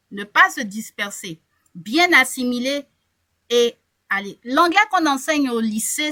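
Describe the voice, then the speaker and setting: Bright, lively woman coaching on a call. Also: on the high side. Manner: lively, encouraging, repeats words when thinking. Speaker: English coach. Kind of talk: online group coaching session.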